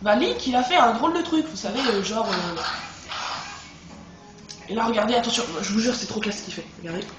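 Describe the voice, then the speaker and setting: A man chatting excitedly to viewers as he plays through a video game. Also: sits high, fairly quick, long pauses, echoey room, loud music behind the voice, rough recording. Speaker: let's play host. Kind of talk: gameplay commentary.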